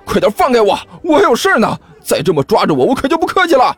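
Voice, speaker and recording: Casual: guy doing a squeaky outraged student playing dumb, soft music behind. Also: wildly swooping pitch, moderate pace, full character voice. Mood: indignant. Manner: indignant, protesting loudly. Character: cheeky male student feigning innocence, shrill.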